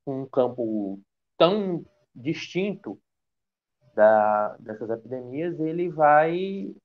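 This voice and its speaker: A man from Ceará, giving an online academic lecture in a hesitant way, with many restarts. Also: on the high side. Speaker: guest lecturer. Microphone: video call. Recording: dull lo-fi video call audio.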